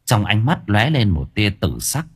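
A man narrating a dramatic audiobook in an expressive, animated way. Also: lowish voice, unhurried, husky.

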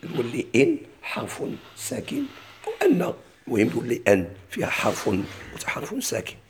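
A man's voice: mid-range voice, huge pitch swings, fairly quick, vocal fry, slight background noise. A man with a Moroccan Arabic accent teaching a classical grammar lesson. He keeps asking his class questions and then answering them himself.

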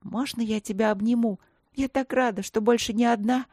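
A high, excitable young girl's voice rattles on quickly and pleadingly, as a woman puts her on. She is a seer caught in a vision, chattering nonstop. The voice sounds soft and mellow. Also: husky, dry recording, studio quality. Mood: chattering eager.

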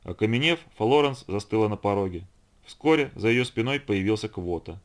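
A man narrating an audiobook in an even, measured way. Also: on the low side. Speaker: audiobook reader. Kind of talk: scripted narration.

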